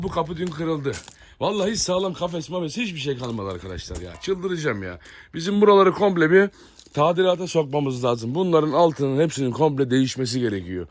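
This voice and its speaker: A man casually chatting to viewers while walking around his outdoor dog yard and kennels. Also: on the high side. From Turkey. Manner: chatty, addresses viewers often. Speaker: dog breeder vlogger. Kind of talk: casual chat to camera.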